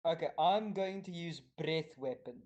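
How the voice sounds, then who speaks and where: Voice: medium pitch, unhurried, a little mellow. A player in a tabletop game session, eagerly asking about their moves and pleading for big damage.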